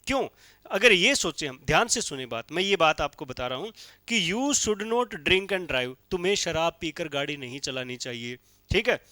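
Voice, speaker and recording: A man from India teaching English grammar in a classroom-lecture style. He explains step by step and reads each English example slowly, with a Hindi accent. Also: on the high side, very animated, sharp tone, no room sound.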